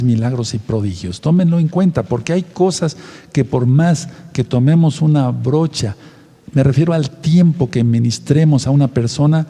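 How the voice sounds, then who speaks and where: A man's voice: medium pitch, mellow, in a large hall. A man, a pastor and counselor giving a teaching sermon, repeating his points and asking the audience questions.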